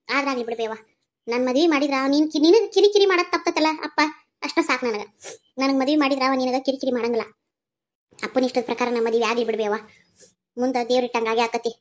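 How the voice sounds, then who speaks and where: A woman with a North Karnataka Kannada accent voicing a gentle, devoted young village daughter who pleads and soothes her mother in a cartoon. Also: high-pitched, quick pace, long pauses, lightly acted. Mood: tender. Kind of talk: cartoon voice acting.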